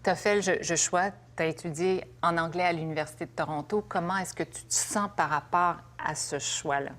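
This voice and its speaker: A woman hosting a panel discussion, putting brief, measured questions to her guests. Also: lowish voice, fairly bright tone. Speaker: host. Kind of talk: moderating a panel.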